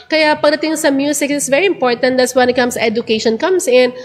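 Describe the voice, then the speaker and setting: A woman's voice: sits high, fairly even intonation, brisk, big-room sound. A woman hosting a casual religious talk, chatty and earnest, switching between Tagalog and English. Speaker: church program host.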